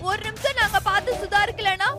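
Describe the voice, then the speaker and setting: An actress playing a dramatic young wife who wails and complains melodramatically in a TV serial. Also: female voice, very high-pitched, steady tone, quick pace. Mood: wailing. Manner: melodramatic, wailing comic complaints. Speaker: daughter-in-law. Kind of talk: TV serial acting. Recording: TV serial soundtrack with loud music.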